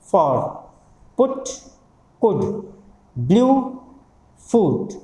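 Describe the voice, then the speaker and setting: Mellow-voiced teacher repeating words slowly. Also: mid-range voice, roomy sound, rough recording. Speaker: English teacher at a law institute. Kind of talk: recorded classroom lesson on phonetic symbols.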